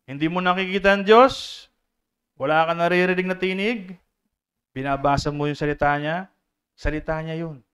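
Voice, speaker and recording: High, smooth-voiced Filipino preacher. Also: male voice, normal speed, long pauses, fairly bright tone. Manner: addresses congregation directly, mixing Filipino and English. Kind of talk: sermon. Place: church service.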